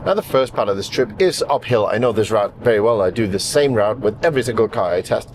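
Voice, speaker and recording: A man's voice: mid-range voice, a little mellow, slight background noise. A man hosting a car review vlog, chatting casually from inside a car while driving.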